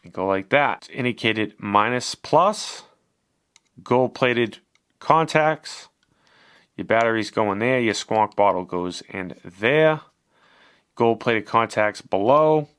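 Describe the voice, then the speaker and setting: A man's voice: lowish voice, lively intonation, slow pace, a bit bright, clear, resonant tone. Casual man doing an unboxing review. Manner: casual, chatty, swears now and then. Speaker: product reviewer.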